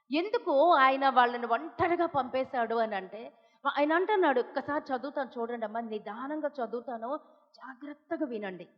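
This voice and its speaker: An Indian woman pastor with a Telugu accent, preaching an impassioned sermon that swings from loud pleas to hushed asides. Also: fairly high pitch. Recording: dull audio with long hall reverb.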